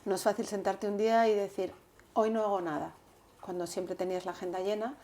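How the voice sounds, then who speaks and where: A woman guest in an interview, talking earnestly and in a measured way, often repeating words while she thinks. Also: mid-range voice, steady tone, dark tone. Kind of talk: reflective interview talk.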